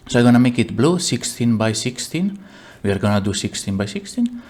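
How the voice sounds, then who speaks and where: A man with an Italian accent giving a casual software tutorial, rambling and blunt, with many fillers and self-mocking asides. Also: fairly low pitch. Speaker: tutorial maker. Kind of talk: casual screen-recorded tutorial.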